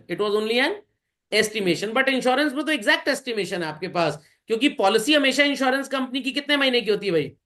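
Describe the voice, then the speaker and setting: A man's voice: high-pitched, pushed and bright. Man, accounts teacher, classroom lecture, questions and answers himself. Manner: questions students and answers himself, mixing Hindi and English; calls listeners bhai and children.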